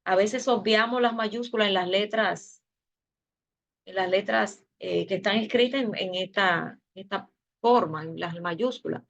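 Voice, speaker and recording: A woman teaching a class over a video call, walking through rules step by step and pausing to correct herself. Her voice sits at an ordinary middle pitch. The audio is a bit dull and lo-fi. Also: gravelly. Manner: explaining step by step, with fillers and self-corrections. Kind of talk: online class lecture.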